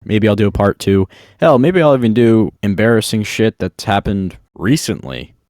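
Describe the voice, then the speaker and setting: A young man with a low, deep voice tells casual childhood stories straight to his viewers. He rambles and jokes at his own expense, and drops in plenty of fillers. The recording is dry, with no room echo. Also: lively intonation, moderate pace, a little mellow. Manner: rambling, self-deprecating, with fillers. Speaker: vlogger. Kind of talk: casual storytelling monologue.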